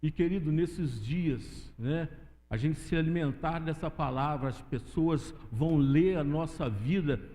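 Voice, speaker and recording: A man's voice: a little high, unhurried, dark tone. Brazilian man preaching in a reverberant church. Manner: addresses listeners as "querido". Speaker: church member giving a testimony. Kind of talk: preaching testimony. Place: church sanctuary. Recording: long church-hall reverb.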